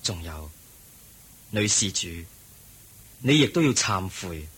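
The Buddha, husky and calm. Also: male voice, low voice, heavily acted. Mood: calm counsel. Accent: Hong Kong Cantonese. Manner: gentle, measured, preaching. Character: the Buddha, a calm, wise, compassionate male teacher. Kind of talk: radio drama acting.

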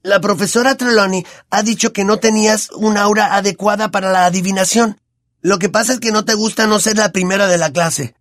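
A man's voice: high-pitched, steady tone, fairly quick, fairly bright tone, dry recording, clean studio sound, pitched above the performer's own voice. A man voicing an anxious, superstitious teenage boy with a Latin American Spanish accent, speaking earnestly and with worry. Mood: worried, heated. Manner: earnest and worried.

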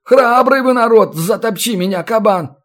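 A man voicing a hot-tempered, grumbling man who blusters and shouts. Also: sits high, lively intonation, moderate pace, pitched above the performer's own voice. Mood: gruff.

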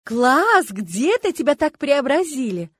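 Lady doing a loud bossy girlfriend, high and pushy, excitable, dry close sound. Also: a little fast, no room sound. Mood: excited, scolding. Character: brash bossy adventurous young woman friend.

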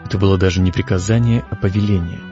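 A man reading an audiobook aloud in a measured, expressive way. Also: sits low. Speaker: audiobook reader. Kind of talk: audiobook narration. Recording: dull lo-fi audio with music.

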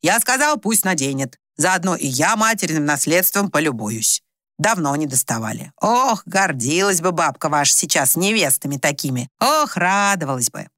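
Woman doing a gruff booming village patriarch. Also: big pitch swings, normal speed, fairly bright tone, no echo, clean studio sound. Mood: commanding. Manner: blustering, commanding, booming. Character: gruff old village father, head of the family.

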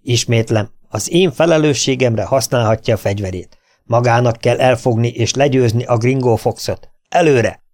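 A man's voice: mid-range voice, darkish tone, natural voice. A man voicing a stern small-town sheriff who gives firm, emphatic orders. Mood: commanding.

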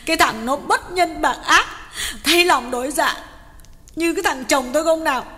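A man voicing an angry middle-aged village wife who wails and scolds in a shrill voice, in an audiobook. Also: big pitch swings, fast, pushed and bright, in a large hall, exaggerated voice. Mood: wailing. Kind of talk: audiobook character voice.

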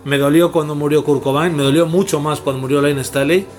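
A man's voice: on the high side, fairly even intonation, fairly quick, darkish tone. A man in his forties with an accent from Spain, hosting a casual music podcast, rambling and swearing freely. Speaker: podcast host.

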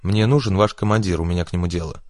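A man voicing an unflappable male gangster who talks in a calm, everyday tone. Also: deep voice, fast, no echo, studio quality, lightly acted. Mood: calm cocky.

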